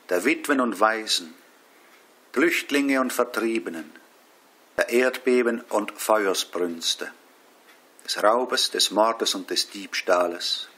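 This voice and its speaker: Slow, solemn man leading prayer. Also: fairly low pitch, pushed and bright, slightly rough. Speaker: prayer leader. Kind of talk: Stations of the Cross devotion.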